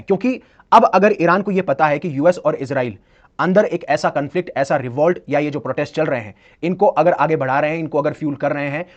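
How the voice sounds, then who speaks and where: Through a muffled recording, a high-voiced exam-prep teacher explains current affairs. He moves back and forth between Hindi and English and raises rhetorical questions only to answer them himself.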